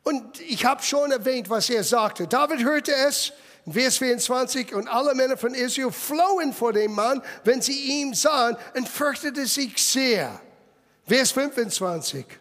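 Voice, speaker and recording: Male preacher, high and bright, slow animated delivery with sudden loud exclamations, long hall reverb. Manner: lively storytelling, mixes English phrases into German. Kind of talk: sermon.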